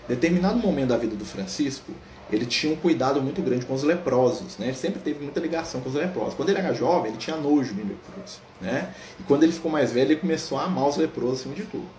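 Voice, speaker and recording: Fast-talking man telling a spiritual story. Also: medium pitch, expressive, a little mellow. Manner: storytelling, frequent "né?" tags, acts out dialogue. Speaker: spiritist study leader. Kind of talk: informal spiritual lecture. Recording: echoey room with faint background noise.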